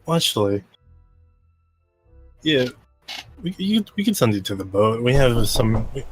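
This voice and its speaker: A man's voice: mid-range voice, big pitch swings, a little slow, husky, soft background music. A man running a tabletop game as dungeon master, talking in a laid-back way and swearing freely. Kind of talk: casual tabletop game narration.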